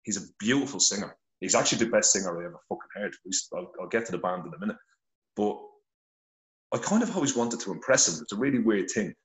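Speaking quickly and expressively in a fairly low voice, a middle-aged man from Ireland tells his story to a podcast over a phone held to his face. He's earnest and blunt, swearing heavily throughout, and the rough recording is reverberant.

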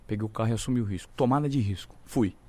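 A man's voice: on the low side, racing, darkish tone. A man with a Brazilian Portuguese accent, a sports reporter telling a vivid story in a casual podcast chat.

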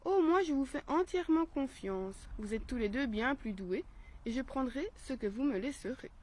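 A woman's voice: high-pitched, lively intonation, normal speed, darkish tone, pitched above the performer's own voice. A woman reading a storybook aloud and voicing a timid, simple-minded male rat who plays dumb and hesitates. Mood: meek. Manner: hesitant, falsely naive.

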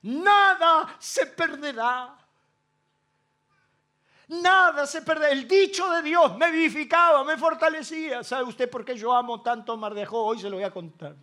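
A male pastor preaching a sermon, telling a story with strong emotion, going from hushed to loud. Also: very high voice, brisk, few pauses.

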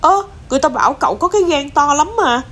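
Little curious kitten, high childlike voice, eager questions, lively, played by a woman. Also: fast talker. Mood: teasing. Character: small curious young kitten, naive and brave.

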